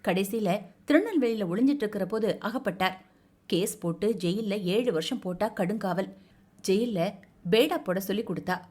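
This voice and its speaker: A woman's voice: medium pitch, moderate pace, a little mellow, close to an everyday voice. A woman voicing a short, half-mad grown man who talks like a child and babbles eagerly and insistently. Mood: eager babbling.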